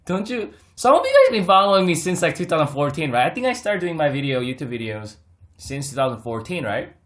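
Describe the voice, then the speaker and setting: A lively man hosts his own market talk, speaking straight to viewers as if they were friends. He laughs often and mocks others as he goes. His voice sits a little on the high side. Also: a little fast. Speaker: market commentary host. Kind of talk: casual unscripted market talk to camera.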